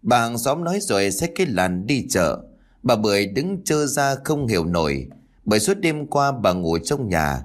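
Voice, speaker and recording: A man narrating a ghost story in a lively storytelling manner. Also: medium pitch.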